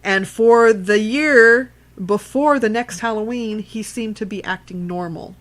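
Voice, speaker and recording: A woman co-hosts a podcast with a casual discussion of horror films, speaking emphatically, repeating herself to drive points home, and swearing freely. Her voice is fairly high and a bit bright, and she talks a little slowly.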